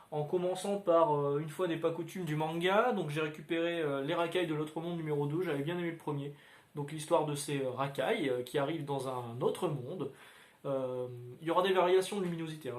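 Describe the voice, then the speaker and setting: A man hosting a casual comics chat, rambling and filling pauses with hesitant sounds. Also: on the high side. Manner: rambling, many filler sounds. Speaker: comics video host. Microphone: standalone microphone. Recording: roomy echoey room.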